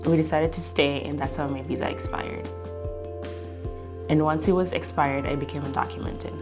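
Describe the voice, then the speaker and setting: Low-voiced young woman from Kenya. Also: steady tone, moderate pace, music in the background. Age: young adult. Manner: reflective, with frequent fillers. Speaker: interviewee. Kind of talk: documentary interview.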